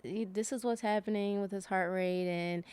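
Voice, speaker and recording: A woman's voice: medium pitch, steady tone, moderate pace, a little mellow, clean tone, no echo. A woman guest on a podcast, telling a personal story in a rambling, casual way with many fillers and self-corrections.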